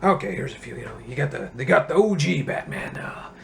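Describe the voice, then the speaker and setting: A man playing a crude, bitter Batman with a raspy voice in a comedy sketch interview. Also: medium pitch, lively intonation, brisk, fairly bright tone, slight background noise. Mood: grumbling. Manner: profane, grumbling, dry. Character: gruff grown male Batman, crude and bitter.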